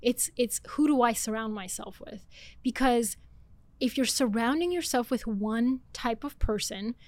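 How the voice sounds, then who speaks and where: A Bulgarian woman in her thirties, appearing as a guest author on a casual podcast, talks animatedly and fast, laughing often. Her voice is fairly high-pitched, with no room sound.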